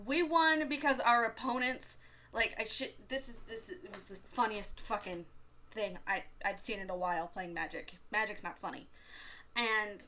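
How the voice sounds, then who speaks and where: A woman co-hosting a casual podcast, telling stories in an animated way, swearing and laughing often. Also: mid-range voice, moderate pace. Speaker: podcast co-host. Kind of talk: casual chat.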